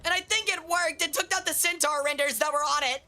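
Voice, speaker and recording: Female game streamer and commentator, very high bright voice, cute bubbly delivery for viewers. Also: steady tone, fairly quick. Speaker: streamer hosting a tournament.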